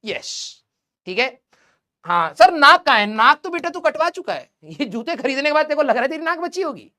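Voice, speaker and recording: A man's voice: very high voice, expressive, brisk, bright, forceful tone. A male physics teacher giving a joking classroom lecture, roasting his students as he draws. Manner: teasing, roasting students while drawing.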